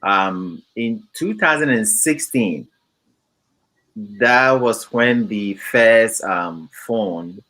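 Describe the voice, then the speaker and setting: Man from Ghana, founder, slow deliberate speech, bright tone, hesitant. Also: lowish voice, animated, low-quality recording. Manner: measured, hesitant, many fillers. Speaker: company founder. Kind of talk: interview answers, explaining a product.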